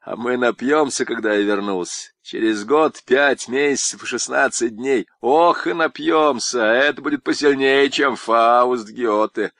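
A man reading an audiobook, voicing an excitable male convict and former pilot who shouts. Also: mid-range voice, unhurried, hardly any pauses, no room sound, clean studio sound. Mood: jovial.

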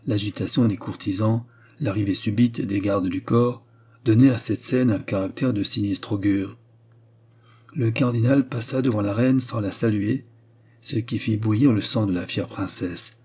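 A man narrating a classic novel as an audiobook in a measured, expressive reading. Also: on the low side, breathy edge.

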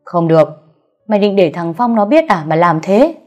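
A woman's voice: on the low side, normal speed, dark tone, highs cut off, close to an everyday voice. A woman voicing a bitter, cold older mother who scolds her daughter bluntly, read aloud from a story with faint music behind. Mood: stern.

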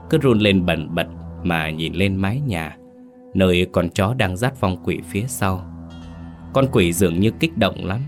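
A man with a very deep voice narrates a scripted ghost story. He tells it steadily and with suspense. Soft background music plays beneath him. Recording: faint music underneath.

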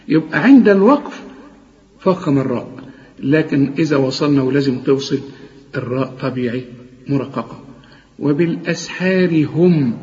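A man with an Egyptian Arabic accent teaching Quran recitation rules, explaining each rule and then chanting the example words slowly and drawn out. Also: fairly high pitch, mellow. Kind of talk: tajweed lesson with chanted examples. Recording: dull, lo-fi audio with long reverb.

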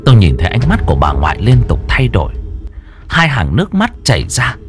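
A man narrating a dramatic horror audiobook in an expressive storytelling manner. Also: fairly low pitch, brisk, over music.

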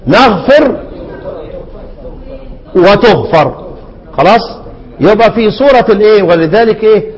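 High-voiced Egyptian sheikh teaching recitation. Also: male voice, lively intonation. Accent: Egyptian Arabic. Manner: quizzes listeners with repeated rhetorical questions; chants quoted verses slowly. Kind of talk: teaching lesson with call-and-response questions. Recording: hall reverb.

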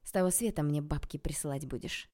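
A woman's voice: low voice, a little fast, dark tone. A woman voicing an irritable young man who snaps and picks fights. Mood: irritated. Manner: irritated, snapping, combative.

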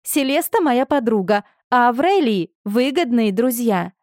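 Shrill and petulant, this spoiled noble girl, as a woman reads her, whines her protests well above a normal speaking pitch. The voice is loud and pushy, with a jealous, wounded edge. It sounds dry and close, with no room around it. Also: expressive, unhurried, dry recording. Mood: indignant.

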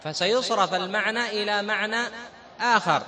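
A man's voice: sits high, fairly quick, sharp tone. A man teaching a religious lesson to a class, quizzing the students and drawing words out to show how they are pronounced. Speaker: Islamic teacher.

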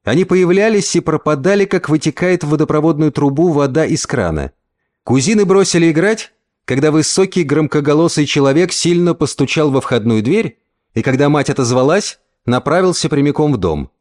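A man reading a story aloud as narrator, with an expressive, storytelling delivery. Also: on the high side, fairly quick. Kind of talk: scripted narration.

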